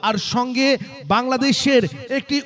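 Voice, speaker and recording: A sales announcer for a promotional vehicle, a man with a Bangladeshi accent and a strikingly high, fairly bright voice, delivers a hard-sell ad like a street promoter. Keeping a steady tone at a moderate pace, he repeats the offer insistently and urges listeners to hurry and buy.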